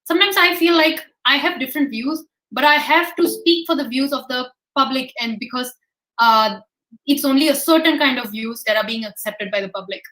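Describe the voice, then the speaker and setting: A woman's voice: high-pitched, brisk, pushed and bright, low-quality recording. A woman speaking as a webinar guest, answering audience questions over a video call with encouraging advice. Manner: encouraging, gives advice in plain terms.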